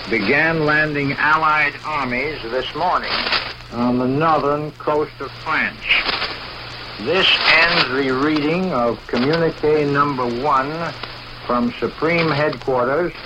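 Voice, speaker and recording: A man reading an official communique in a slow, measured, formal way, heard as an old 1940s radio broadcast. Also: a little high. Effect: old 1940s radio broadcast sound. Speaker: radio announcer. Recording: loud hiss on an archival radio recording.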